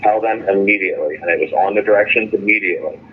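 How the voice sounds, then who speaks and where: A detainee calls from jail, his low voice coming through a tinny, noisy telephone line. Indignant and emphatic, he airs grievances off the cuff, halting, repeating himself, and stumbling through restarts as he tells his story with quoted dialogue.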